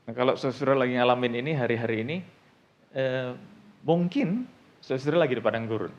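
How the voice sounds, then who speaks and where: A man preaching a sermon in an animated way, often asking the congregation rhetorical questions, with an Indonesian accent. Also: medium pitch, fairly quick. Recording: dull lo-fi sound.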